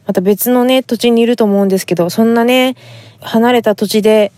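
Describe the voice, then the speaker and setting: A woman's voice: fairly high pitch, brisk, warm tone, dry recording. A woman from Fukuoka, Japan, hosting a podcast and reading listener letters in a polite, chatty way with frequent fillers. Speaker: podcast host.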